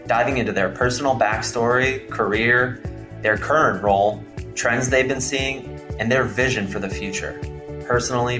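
A man hosting a podcast, reading a polished, upbeat introduction and then leading an interview. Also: lowish voice. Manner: polished, upbeat broadcaster delivery. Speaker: podcast host.

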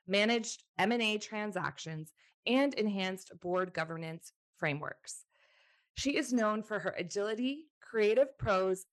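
A woman's voice: mid-range voice, fairly bright tone. Upbeat woman hosting a podcast. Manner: upbeat, enthusiastic introductions. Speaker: podcast host.

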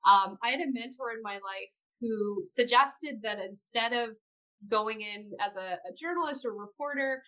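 Bright-toned businesswoman recalling her path. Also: fairly high pitch, normal speed, rough recording. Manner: reflective storytelling. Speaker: entrepreneur guest. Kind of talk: casual interview answers.

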